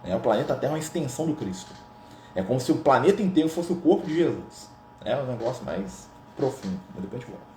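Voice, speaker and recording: In a sing-song, warm, medium-pitched voice, a man with a Brazilian Portuguese accent moves quickly through an informal gospel study, frequently capping his phrases with tag questions. The recording has a roomy echo plus a little hiss or hum.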